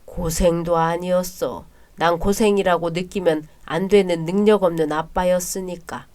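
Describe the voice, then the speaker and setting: A woman voicing an older widowed father-in-law who speaks slowly, wearily and with resignation. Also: on the low side, steady tone, darkish tone, close to an everyday voice. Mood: weary.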